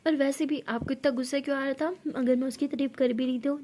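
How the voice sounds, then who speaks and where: A woman's voice: high-pitched, steady tone, quick pace, mellow, slight background noise, lightly acted. Woman reading a teasing young office girl.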